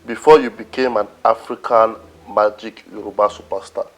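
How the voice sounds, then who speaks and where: A man with a Nigerian accent hosting a sarcastic roast interview, asking provoking questions in a deadpan way. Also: lowish voice, normal speed. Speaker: interview host.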